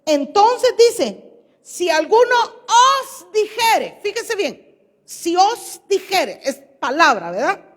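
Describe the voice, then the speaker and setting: A woman's voice: very high-pitched, very animated, slow. A woman pastor preaching a sermon to her congregation, questioning them and reading scripture aloud. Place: church. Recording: long church hall reverb.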